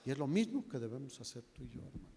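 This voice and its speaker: In a large church hall with background noise, a pastor with a Mexican Spanish accent preaches a sermon in a mid-range, very animated voice, talking fast. He tells the story dramatically, his voice rising and then dropping to near whispers.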